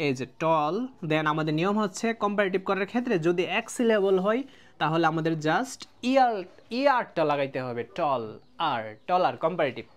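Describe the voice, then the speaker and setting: Man, grammar teacher, casual video lesson, patient step-by-step explaining, stretches out example words, keeps checking understanding. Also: high-pitched. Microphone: close mic, writing on a board.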